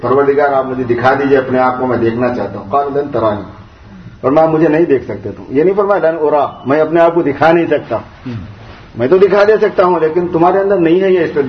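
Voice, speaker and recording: A man preaching a storytelling sermon, slowing down to recite Arabic verses and then explaining them, and rising in pitch when he scolds. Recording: roomy, distant, dull hall recording.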